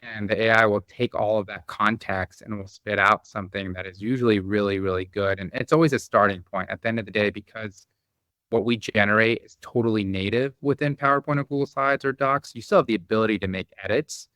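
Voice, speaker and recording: Bright-voiced man guest on a podcast. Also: lowish voice, steady tone, brisk, dry recording. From Bosnia and Croatia area. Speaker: guest, company founder. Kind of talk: conversational interview.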